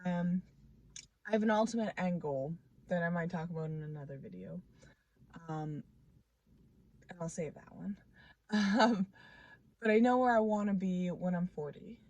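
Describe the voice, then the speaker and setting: A woman's voice: on the low side, moderate pace, long pauses, a little mellow, dull audio. A woman in her twenties chatting casually to the camera at home, rambling and restarting her thoughts with many fillers, playful and self-mocking. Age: 20s. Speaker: vlogger.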